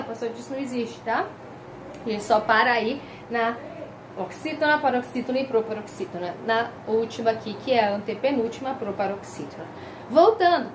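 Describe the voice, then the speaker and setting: A woman teaching a grammar lesson. She is lively and emphatic, drags out her example words and keeps asking the viewer questions. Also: a little high, noisy background. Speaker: Portuguese language teacher.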